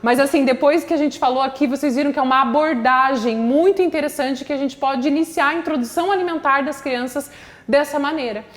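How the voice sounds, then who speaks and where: High-voiced woman host, reverberant sound. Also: brisk. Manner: agreeable, affirming, frequent "né?" tags. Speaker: program host. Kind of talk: casual interview talk.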